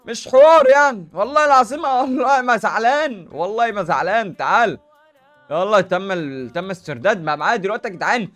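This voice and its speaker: A young man with an Egyptian Arabic accent giving animated, slang-filled gameplay commentary as a gaming YouTuber. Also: high voice, faint music behind. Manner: animated, rapid, hype-filled street slang.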